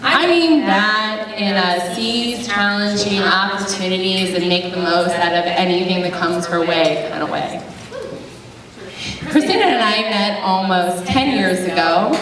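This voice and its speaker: Slow-speaking woman in a very echoey hall. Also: mid-range voice. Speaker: maid of honor. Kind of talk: prepared wedding speech from notes. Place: large reverberant wedding reception room. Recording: very echoey hall, distant mic, crowd. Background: crowd of guests.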